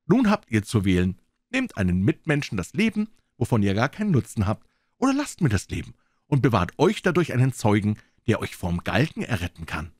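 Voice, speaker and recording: A man's voice: mid-range voice, wildly swooping pitch, a little fast, darkish tone, no room sound, clean studio sound. A man reading an audiobook, voicing a defiant young cabin boy facing pirates.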